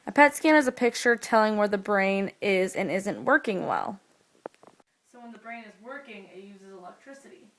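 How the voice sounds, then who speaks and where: A woman's voice: mid-range voice, big pitch swings, normal speed, low-quality recording. A young woman acting in a scripted school skit, patiently explaining step by step.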